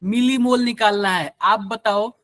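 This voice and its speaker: A man's voice: high voice, measured pace, fairly bright tone, dry recording. A man with a Hindi accent teaching a live online chemistry class, quizzing students and using everyday examples.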